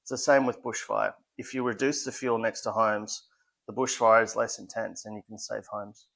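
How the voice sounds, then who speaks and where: Gravelly low Australian man in his forties. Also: level tone, moderate pace, fairly bright tone. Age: 40s. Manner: modest, explains plainly with hesitant restarts. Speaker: guest, fire safety specialist. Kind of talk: casual interview chat.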